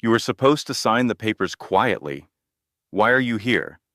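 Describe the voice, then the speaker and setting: A man playing a cruel, arrogant rich husband in a spoken drama story, low and cold. His lines are clipped and dismissive. The voice sits dry and close. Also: animated, moderate pace, fairly bright tone, no room sound. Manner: cold, curt.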